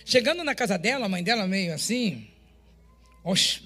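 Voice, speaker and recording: Uma mulher com sotaque brasileiro prega seu testemunho diante da igreja, contando a história com muito drama e encenando cada diálogo. Ela ri com frequência e fala com energia. Ao fundo há uma música leve. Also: female voice, medium pitch, a little fast, faint music behind. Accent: Brazilian Portuguese. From Brazil. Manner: animated, dramatic storytelling that acts out dialogue and often breaks into laughter. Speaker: pastor. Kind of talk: testimony preached to a congregation.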